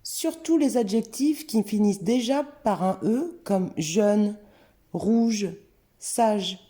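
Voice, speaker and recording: A woman narrating a scripted language lesson, reading word pairs slowly and carefully. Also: medium pitch, warm tone. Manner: slow, careful, clearly spelled-out word examples. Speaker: French teacher.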